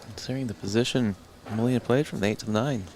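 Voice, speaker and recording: A man giving live color commentary on a pool tournament, analytical and measured, sometimes trailing off mid-thought. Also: mid-range voice, a little mellow, slight background noise, poor audio.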